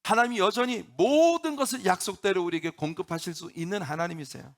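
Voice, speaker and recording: A man's voice: high-pitched, fast talker. A man preaching a sermon in church, emphatic and building up with rhetorical questions to the congregation. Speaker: pastor.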